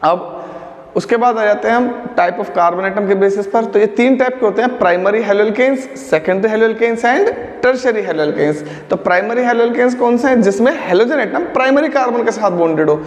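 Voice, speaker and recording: A man's voice: sits high, unhurried. A man teaching a chemistry lecture in speech, mixing English terms and playfully scolding students. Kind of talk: classroom lecture. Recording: echoey room with long reverb.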